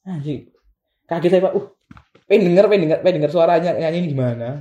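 A man's voice: a little high, expressive, fast, warm tone, highs cut off. A man chatting casually as a podcast co-host, swearing a lot and laughing. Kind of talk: casual chat. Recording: echoey room.

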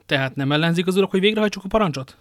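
A man's voice: sits high, lively intonation, dry recording, studio quality, pitched above the performer's own voice. A man reading aloud, voicing a polite, formal guard commander. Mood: courteous.

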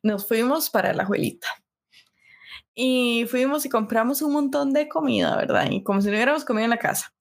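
Young Costa Rican woman, podcast co-host, lively storyteller. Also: fairly high pitch, brisk, creaky. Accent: Costa Rican Spanish. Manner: animated storyteller, tag questions, laughs often. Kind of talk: casual storytelling chat.

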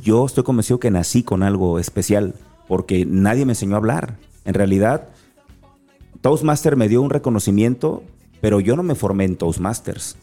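A man's voice: lowish voice, moderate pace, soft background music. A man from Mexico with an Acapulco accent, a motivational speaker telling his story as a guest in an interview, acting out the dialogue as he goes. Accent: Mexican Spanish, from Acapulco. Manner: animated storyteller, acts out dialogue.

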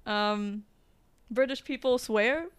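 A woman's voice: a little high, takes it slowly, smooth, no room sound. A young woman co-hosting a podcast, chatting casually and giggling often. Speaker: podcast co-host. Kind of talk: casual chat.

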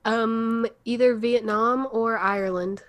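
A woman's voice: fairly high pitch, fairly even intonation, slow pace. Woman in her 20s on a chill podcast, kinda hesitant, lots of um and like. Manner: thoughtful, hesitant, lots of fillers like "um" and "like". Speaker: podcast co-host. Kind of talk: casual Q&A chat.

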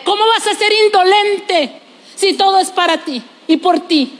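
A woman's voice: extremely high pitch, measured pace, big-room sound. A woman pastor, preaching a sermon that mixes personal testimony with playful asides.

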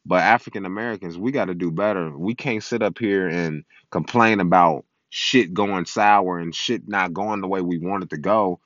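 A man's voice: low voice, moderate pace, few pauses, fairly bright tone, no room sound. A man in his early twenties hosting a podcast, recorded on a phone instead of a microphone, talking in a blunt, profane, preachy way. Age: early 20s. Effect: recorded on a phone, not a microphone. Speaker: podcast host. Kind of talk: casual opinion monologue. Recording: dull lo-fi phone recording, dry.

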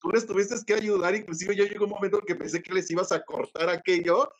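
A man's voice: sits high, fairly even intonation, quick pace, poor audio. A man co-hosting a casual interview, commenting in a hesitant, thoughtful way. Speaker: co-host.

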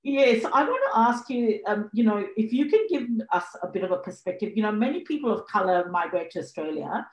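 Woman panel moderator, hesitant, lots of fillers, mid pitch, echoey room. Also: big pitch swings, brisk, hardly any pauses, a little mellow. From Sri Lanka. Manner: hesitant, many fillers and restarts. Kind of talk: panel discussion.

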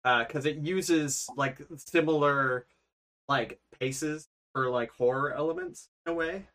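A man's voice: medium pitch, measured pace, a bit bright. A podcast guest talking casually about a movie, hesitating and restarting his sentences often. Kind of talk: casual movie review chat.

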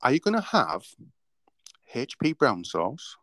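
Bouncy radio host guy, pitch all over the place, dry close sound, jokey. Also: wildly swooping pitch, takes it slowly, fairly bright tone, no echo. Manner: playful, laughing, mimics customers. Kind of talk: casual radio chat.

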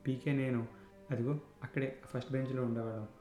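A man's voice: mid-range voice, flat delivery, a little fast, mellow. A man in his thirties narrating a personal story in a reflective, conversational way. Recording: roomy echo with faint music.

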